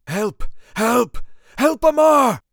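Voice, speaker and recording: A man voicing a wounded young man, desperate cries for help, pitch way up, dry close sound. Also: very animated, very slow, vocal fry, no room sound, full character voice. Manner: desperate shouting.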